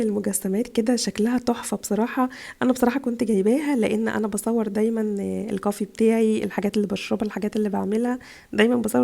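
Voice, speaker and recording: Very fast, gravelly Egyptian woman with a cold. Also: fairly high pitch, mellow. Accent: Egyptian Arabic. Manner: chatty, gushing over items. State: tired voice from a chest cold. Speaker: vlogger, mother. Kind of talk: casual haul video. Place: home in Italy.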